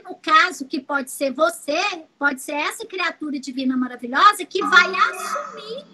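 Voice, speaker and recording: A Brazilian woman, a family constellation therapist, teaching through lively stories and repeating phrases for emphasis. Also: very high voice, rough recording. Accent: Brazilian Portuguese. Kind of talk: teaching talk with anecdotes.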